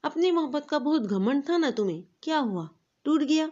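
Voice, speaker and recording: A woman voicing a cruel, scheming young wife who taunts and shouts at her rival, in a storybook reading. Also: medium pitch, expressive, dull audio, close to an everyday voice. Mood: gloating.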